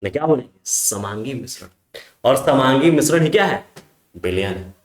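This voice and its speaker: A man's voice: medium pitch, animated, normal speed, roomy sound. A man teaching a chemistry class, who asks his students questions and answers them himself, calling them affectionate names. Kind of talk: online class lecture.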